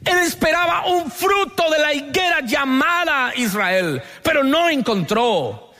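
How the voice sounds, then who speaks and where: High, bright-voiced Colombian pastor preaching. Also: male voice, unhurried. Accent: Colombian Spanish. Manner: animated preaching, calls on the congregation to repeat lines. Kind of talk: sermon.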